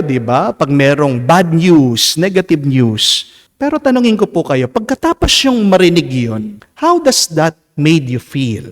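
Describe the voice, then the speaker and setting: Filipino priest with a very lively voice. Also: male voice. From Philippines. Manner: mixes English and Tagalog, asks the congregation "Amen?"; swings between soft low asides and high emphatic lines. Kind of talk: homily at Mass. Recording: long church reverb.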